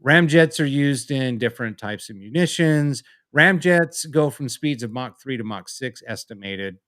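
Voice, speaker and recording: A man's voice: mid-range voice, animated, measured pace, a bit bright, dry recording, clean studio sound. A man co-hosting a podcast, explaining technical points from notes in a casual way with some swearing. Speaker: podcast co-host.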